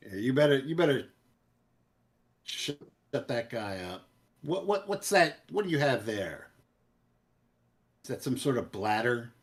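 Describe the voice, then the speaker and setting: A man's voice: medium pitch, big pitch swings, unhurried, long pauses, voice pushed up. A man voicing a suspicious, pushy human guard who challenges intruders in a tabletop game. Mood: pushy, demanding. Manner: demanding, challenging.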